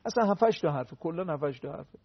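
A man explaining the pronunciation of Quran recitation on a TV talk show, earnest, with slow recited examples. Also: fairly high pitch, animated, breathy edge, lo-fi sound. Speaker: religious guest teaching Quran recitation.

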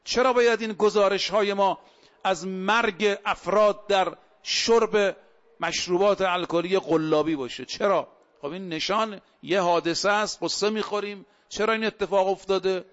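A man's voice: sits high, fairly bright tone. A man cleric giving a sermon, preaching emphatically with rhetorical questions and stories. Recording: dull lo-fi recording.

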